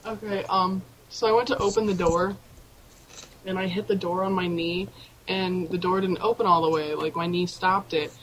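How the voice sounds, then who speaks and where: A woman's voice: lowish voice, steady tone, moderate pace, a little hiss or hum, poor audio. A teenage girl guesting on a casual podcast with friends, telling stories in a chatty way. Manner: chatty, storytelling. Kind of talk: casual chat among friends.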